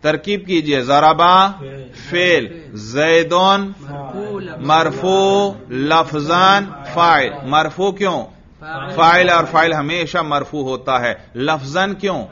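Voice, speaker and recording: Male grammar teacher, classroom drill style; slow, patient, repetitive questioning; muffled lo-fi recording. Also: fairly high pitch, bright, forceful tone. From Pakistan. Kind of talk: classroom lecture with call-and-response drilling.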